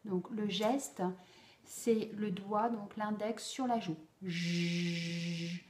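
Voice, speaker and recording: A woman explaining how to teach a speech sound to children, slow and deliberate, with frequent pauses and fillers. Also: mid-range voice, steady tone, a little mellow. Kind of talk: instructional explanation for parents. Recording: echoey room.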